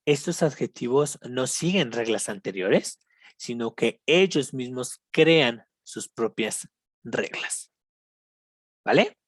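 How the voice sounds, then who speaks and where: A teacher with a Mexican accent, patiently explaining English grammar in a recorded lesson, slowing down for each English example and checking in with the students. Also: mid-range voice, lively intonation, dry recording, clean studio sound. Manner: switches between Spanish and slow English examples.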